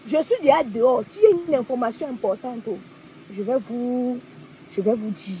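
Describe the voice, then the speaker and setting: A young adult woman, talking on a livestream in an emphatic, declaiming way that swings between soft and loud. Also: a little high, moderate pace, slight background noise. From Cameroon. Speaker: live streamer. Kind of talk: livestream monologue.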